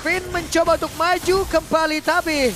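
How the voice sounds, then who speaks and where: A man with an Indonesian accent, working as an esports caster, calls a match play-by-play with excited urgency that can break into shouts. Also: extremely high pitch, moderate pace, a little hiss or hum.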